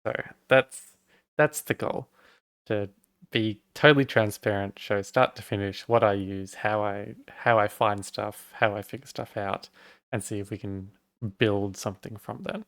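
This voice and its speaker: Rambling Australian streamer man, low voice. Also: steady tone, unhurried, a bit bright, no echo. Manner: rambling, self-deprecating, talks while working. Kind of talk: casual live-stream tech walkthrough.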